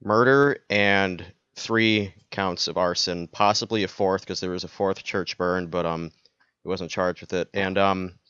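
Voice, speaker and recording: A man's voice: low-pitched, fairly even intonation, a little slow, a bit bright, smooth, no echo. A young man co-hosting a casual podcast, laid-back and dry, casually profane. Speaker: podcast co-host. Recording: slightly dull lo-fi mic.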